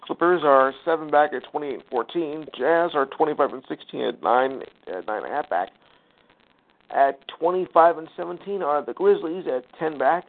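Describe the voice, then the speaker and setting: A man with a slightly high voice hosts a sports talk show over a tinny phone line. He rattles off scores and standings with lots of fillers, sighs and quick casual asides.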